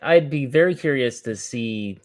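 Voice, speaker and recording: A man's voice: mid-range voice, animated, normal speed, darkish tone. A man in a casual review chat who mostly agrees briefly and asks thoughtful questions.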